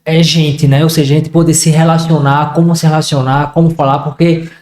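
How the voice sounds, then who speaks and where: A man's voice: a little high, little pitch movement, fairly quick, darkish tone. A man hosting a podcast in a slightly raised voice, speaking respectfully and deferring to his guest. The room around him is echoey. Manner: deferential, calls the guest doctor. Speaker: podcast host. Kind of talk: casual podcast conversation.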